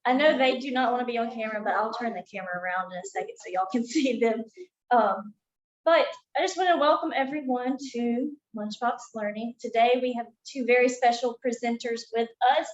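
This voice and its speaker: Woman host, highish voice, roomy muffled sound, chatty introductions. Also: brisk, a little hiss or hum. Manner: chatty, with frequent ums. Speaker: museum event host. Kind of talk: friendly welcome and introduction. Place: museum room.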